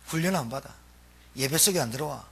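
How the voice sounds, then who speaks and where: A man's voice: a little high, expressive, fast talker, vocal fry, husky. A middle-aged male pastor preaching a sermon, emphatic and repetitive, firing questions at the congregation and having them repeat after him.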